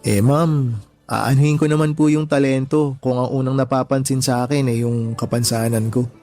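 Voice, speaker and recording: In a radio drama, a man plays a shy, humble, self-effacing young layout artist born with one hand, speaking politely and deferentially with a resigned, candid mood. His mid-range voice is warm, fairly even in intonation and moderately paced, close to an everyday voice, with faint music behind.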